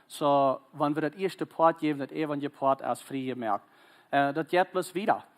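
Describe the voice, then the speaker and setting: A man with a Plautdietsch accent preaching a sermon, earnest and urging, often pausing and restarting mid-sentence. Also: fairly high pitch. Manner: halting, frequent hesitations and restarts.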